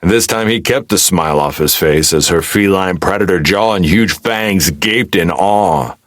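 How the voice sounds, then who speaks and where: A man reading a post-apocalyptic fantasy audiobook, with a very deep, low voice. He tells the story steadily, with a wry, gruff edge, recorded close on a dry mic. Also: normal speed, dry recording. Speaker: audiobook narrator. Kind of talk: scripted narration.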